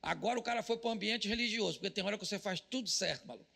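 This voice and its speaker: A Brazilian Portuguese-accented pastor preaching to a business crowd, loud and joking, slipping into mock prayers. His voice sits high for a man, with a heavy gravelly fry. The tone is bright and sharp. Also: racing, long reverb tail. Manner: joking and loud, mimics people praying. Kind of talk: comedic sermon. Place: stage at a business event.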